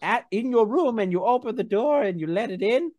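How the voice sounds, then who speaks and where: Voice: mid-range voice, animated, brisk, a little mellow, dry recording, pitched above the performer's own voice, close to an everyday voice. A game master voicing an obliging old man who works a hotel front desk in a tabletop game, with breezy, reassuring patter. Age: older.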